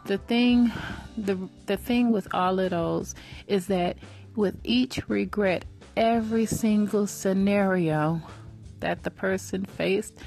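Earnest woman in her forties, mellow voice. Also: mid-range voice, gravelly. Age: 40s. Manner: earnest, preacherly, repeats phrases for emphasis. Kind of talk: faith-based motivational talk.

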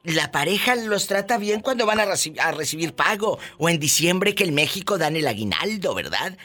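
A man's voice: on the high side, very animated, moderate pace, bright, forceful tone. A man with a Mexican accent hosting a call-in radio show, teasing and theatrical with his callers. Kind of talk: playful call-in radio banter.

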